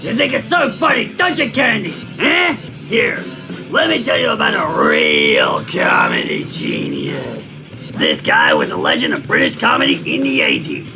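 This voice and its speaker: A man voicing an ancient, cranky Australian squatter who shouts and rants at everything in a video game, with a gravelly Australian accent. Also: lowish voice, huge pitch swings, unhurried, full character voice. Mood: ranting. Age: older. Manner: shouty, grumbling old-timer rants. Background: game music.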